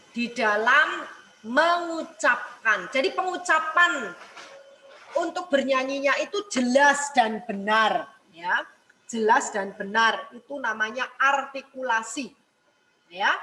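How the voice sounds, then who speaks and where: A woman's voice: high-pitched, sharp tone, poor audio. A woman teacher explaining singing technique step by step, repeating each point and checking in with a questioning "ya". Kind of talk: music lesson broadcast.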